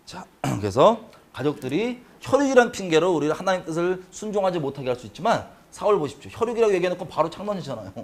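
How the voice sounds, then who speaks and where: A middle-aged man teaching a Bible study, preaching in an animated way and acting out scripture quotes with sudden swings in pitch and loudness.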